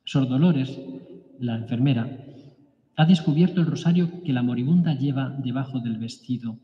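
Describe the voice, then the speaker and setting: Guy reading out a saints story to his group, stops and restarts a bit, roomy dull lo-fi sound. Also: mid-range voice. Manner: reads aloud with halting restarts. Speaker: preacher. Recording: echoey hall, dull lo-fi sound.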